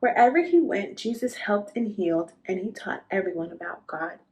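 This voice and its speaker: Her mid-range, darkish voice full of expression, a woman hosts a read-aloud of a children's storybook. She tells the story to young listeners without hurrying.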